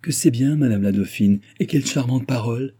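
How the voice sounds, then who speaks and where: A man voicing a gentle, timid young noblewoman who speaks softly. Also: on the low side, little pitch movement, normal speed, close to an everyday voice. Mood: admiring. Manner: soft, timid and admiring.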